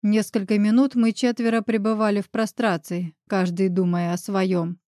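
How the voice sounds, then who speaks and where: A woman narrating an audiobook in an even, steady storytelling manner. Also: medium pitch, moderate pace, dry recording, clean studio sound. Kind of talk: scripted narration.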